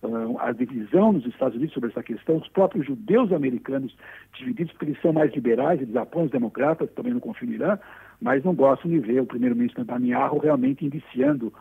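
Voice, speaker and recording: Gravelly man on a phone line. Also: mid-range voice, expressive. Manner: measured analytical, opinionated. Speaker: foreign correspondent. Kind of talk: live analysis over phone.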